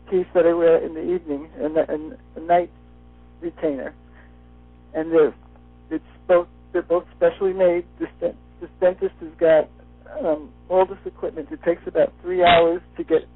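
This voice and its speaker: High-voiced man talking with a retainer in. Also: no room sound. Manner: talking with a dental appliance in the mouth, like wearing a retainer. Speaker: interview guest. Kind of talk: personal testimonial in conversation. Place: phone call. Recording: muffled phone line, faint music behind.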